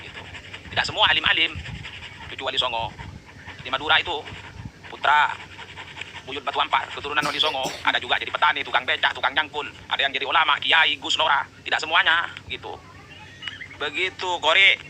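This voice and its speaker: A man in a heated online debate, lecturing forcefully and pressing each point. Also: fairly high pitch, fairly even intonation, fast, pauses often, noisy background. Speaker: livestream debater.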